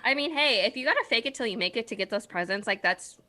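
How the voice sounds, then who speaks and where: A young woman with a bright, sharp-edged voice co-hosts a casual podcast. She talks bluntly and swears freely, and her voice comes through a video call. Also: a little high, expressive, fast. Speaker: podcast co-host. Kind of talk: casual chat.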